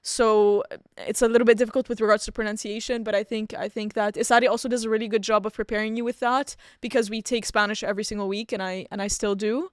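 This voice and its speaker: Young woman from canada hosting a student podcast, first language arabic, chatty n upbeat, smooth clear voice. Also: medium pitch, level tone, fast, no room sound, clean studio sound. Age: 20s. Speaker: podcast host. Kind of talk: casual podcast chat.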